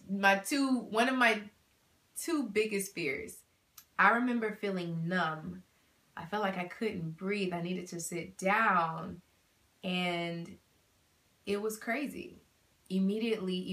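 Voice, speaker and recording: Young woman, vlogger, bright voice, slightly low pitch, echoey room, heartfelt storytelling. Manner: heartfelt, animated, swings between hushed and excited. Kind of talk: emotional personal storytelling.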